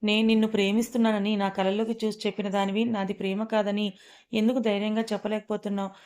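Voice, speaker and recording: A woman's voice: mid-range voice, little pitch movement, fast talker, darkish tone, natural voice. A woman voicing a stern, blunt young man who is a hurt lover, talking curtly. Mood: pained. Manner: curt, scolding, then pained.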